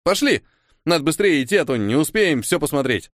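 Guy putting on a hyper cheerful boy, clumsy, talks high and bouncy, storybook voice. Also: big pitch swings, a little fast, no room sound, clean studio sound. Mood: excited. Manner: bouncy, exclaiming, high-pitched.

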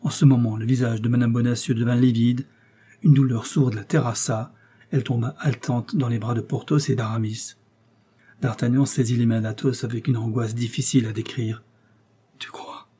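Guy narrating an audiobook, deep mellow husky voice, steady dramatic read. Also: fairly quick. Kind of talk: scripted narration of a novel.

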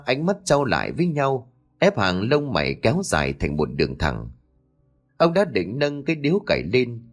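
A man narrating an audiobook story in a dramatic, expressive storytelling manner. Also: medium pitch.

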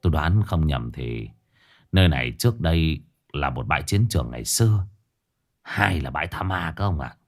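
A man doing a blunt, stern ghost-hunting master. His voice sits very deep and speaks in a hushed, curt way, yet the pitch still swings with life. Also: lively intonation, normal speed, exaggerated voice. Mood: grave.

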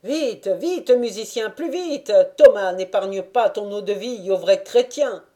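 A woman reading the part of a wild young Cossack man who shouts excitedly while dancing, in an audiobook. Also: mid-range voice, takes it slowly. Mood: frenzied. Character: wild young Cossack dancer, frenzied and rowdy.

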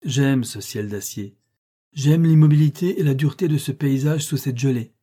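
A man reading a brooding, bitter gentleman. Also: medium pitch, moderate pace, close to an everyday voice.

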